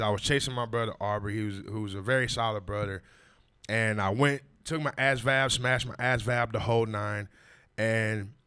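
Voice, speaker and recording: His voice is medium-pitched, bright and forceful, with a smooth quality. The man, in his 40s, shares his story on a podcast in a casual, slang-heavy way: emphatic, repetitive street talk with frequent "you know what I mean."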